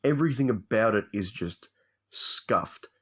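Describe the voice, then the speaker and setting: A young man telling a story as a casual, profane rant, swearing constantly and animated. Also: on the low side, moderate pace. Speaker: vlogger.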